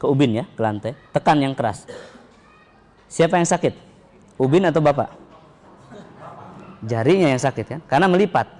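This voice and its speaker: A man's voice: mid-range voice, expressive, normal speed, pauses often, darkish tone. A man who is a religious instructor explains and demonstrates techniques to an audience, speaking to them directly. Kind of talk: training demonstration.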